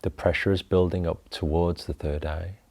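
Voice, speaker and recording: A man leading a guided breathing meditation, talking slowly and calmly through each step. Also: sits low, gravelly. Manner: slow, calm, instructive.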